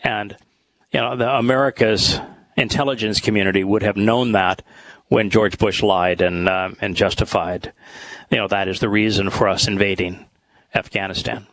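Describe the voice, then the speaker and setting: A man hosting a talk show with scripture study, speaking in a halting, thoughtful way with many pauses. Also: lowish voice, steady tone, fairly bright tone, poor audio. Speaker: host.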